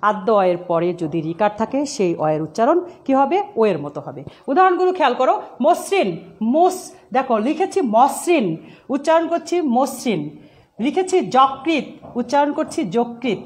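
Lively teaching woman. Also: sits high, fairly quick. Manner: explains rules step by step, repeats examples, asks questions. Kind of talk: online class lesson.

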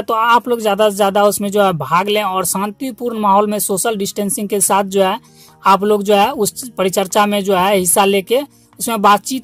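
Over background music, a man with a high, fairly bright voice hosts his online channel, walking viewers through an update in a repetitive, how-to style.

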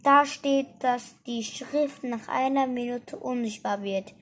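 A woman reading the part of a caring, bossy girl friend in a storybook, in a brisk, scolding way. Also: fairly high pitch, a little hiss or hum.

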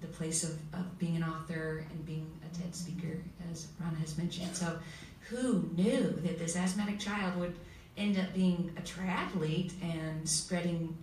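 A woman panelist telling a heartfelt personal story with many pauses, recorded in a school hall. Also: on the low side, steady tone, a little mellow. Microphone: table mic heard from far camera. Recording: echoey hall from far off, faint noise.

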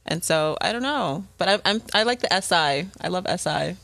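A woman's voice: lowish voice, expressive, moderate pace, gravelly, a bit bright. A young woman from Connecticut, a guest on a radio show, chatting in a friendly, upbeat way. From Connecticut, USA. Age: young adult. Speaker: guest model. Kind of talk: casual radio interview. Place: radio studio. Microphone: studio microphone with headphones.

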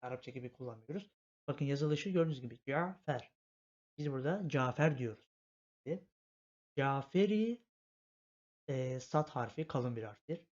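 A man with a medium-pitched, slightly mellow voice teaches a language lesson, spelling letters patiently step by step and repeating often. He sounds animated, speaks at normal speed and leaves long pauses. The audio is a dull, lo-fi home recording.

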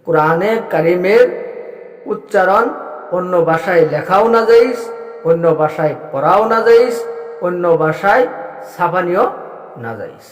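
A man, a mufti answering a religious question in a sermon, speaking emphatically with a repetitive, measured preaching cadence. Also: sits high, expressive. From Bangladesh. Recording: echoey hall reverb.

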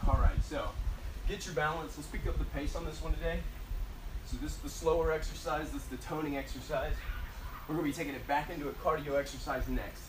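A man's voice: on the high side, fairly even intonation, brisk. Distant, echoey male aerobics instructor counting reps. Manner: motivational coaching, counting down, short urging cues; exercising while talking. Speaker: fitness instructor. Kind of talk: aerobics instructor leading a timed workout. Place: covered porch outdoors. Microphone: camera several metres away. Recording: echoey, noisy, distant camera microphone outdoors.

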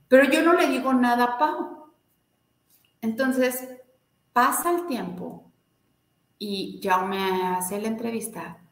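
A woman, telling a personal story in a casual, animated way and acting out the voices of the people she quotes. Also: medium pitch, reverberant. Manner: animated, acts out quoted dialogue. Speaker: guest, student of a healing method.

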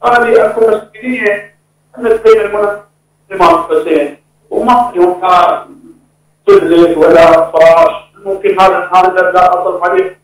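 A high-voiced man with an Iraqi accent, calling in over a poor, muffled phone connection. His words come halting and repeated as he struggles to be heard. The line is heavily echoey, as if he were in a hollow room. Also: steady tone. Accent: Iraqi Arabic. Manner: halting, repeats himself to get through. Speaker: caller. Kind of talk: call-in question.

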